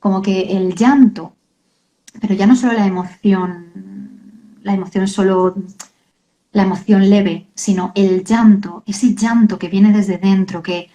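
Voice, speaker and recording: A woman, a guest author in an interview, talking earnestly and haltingly and often adding checking tags. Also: medium pitch, fairly even intonation, dark tone, rough recording. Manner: earnest, halting, many tag questions. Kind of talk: emotional interview talk.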